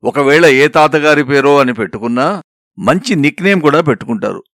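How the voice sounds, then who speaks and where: A man voicing a confident young suitor in a storybook reading, calm and teasing. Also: fairly high pitch, a little fast, dry recording, studio quality.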